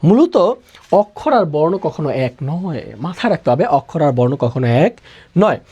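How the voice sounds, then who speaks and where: A man's voice: fairly high pitch, big pitch swings, normal speed, warm tone, slightly rough. A male teacher giving a live online lecture, repeating questions and answers to drill the point, with frequent "ah" fillers. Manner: repetitive call-and-response questioning; uses filler "আহ" often.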